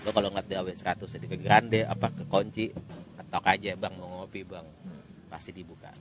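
A man with a slightly low voice hosts a casual podcast. He has a Jakarta accent and talks in informal Jakarta slang with a joking, chatty manner. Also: level tone, brisk, background noise. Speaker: podcast host. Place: coffee shop.

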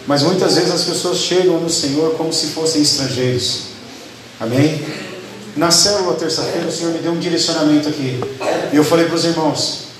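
A man's voice: on the high side, a bit bright. Brazilian man preaching in an echoey room. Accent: Brazilian Portuguese. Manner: conversational preaching, often asking the congregation "Amém?". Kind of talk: sermon. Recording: echoey room, mic at a distance, faint background noise.

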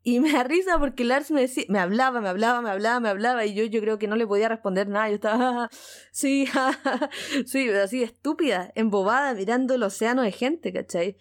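Mujer de voz algo aguda, acento chileno, relato casual entusiasta y repetitivo. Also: female voice, on the high side, quick pace. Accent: Chilean Spanish. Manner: excited, repeats words, laughs often. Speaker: guest. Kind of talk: casual storytelling.

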